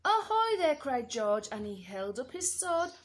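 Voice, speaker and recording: A woman teacher reads a picture book aloud to small children, expressive and pausing to ask them questions. Her voice is high and swoops up and down a great deal. She takes the story at an unhurried pace. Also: slightly rough.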